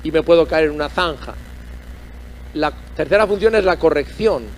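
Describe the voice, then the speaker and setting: A man's voice: a little high, moderate pace, a little hiss or hum, rough recording. A man with a Spanish accent preaching a sermon as pastor, emphatic, with many rhetorical questions.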